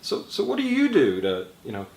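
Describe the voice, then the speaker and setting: A man's voice: on the high side, wildly swooping pitch, vocal fry, darkish tone, echoey room. A man from the United States interviewing a guest in a casual, joking way, with many fillers. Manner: upbeat, joking, quick with fillers. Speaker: interviewer, charity head.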